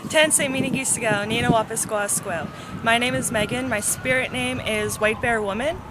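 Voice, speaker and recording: A woman's voice: on the high side, moderate pace. Female interviewee, plain introduction; noisy background.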